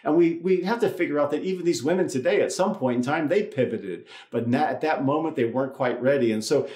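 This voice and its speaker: A man's voice: on the high side, fast, a little mellow. Guy giving an easter sermon in a church, loose chatty way of talking, lots of restarts, roomy echo. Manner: conversational, with many restarts and repeated words. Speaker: priest. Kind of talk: Easter sermon with a told joke.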